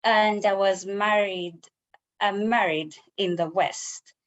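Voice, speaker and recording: A Ugandan woman delivers a prepared personal speech over a video call. She takes her time, speaking slowly and deliberately with pauses between phrases. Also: mid-range voice, steady tone, muffled recording. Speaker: club member giving icebreaker speech.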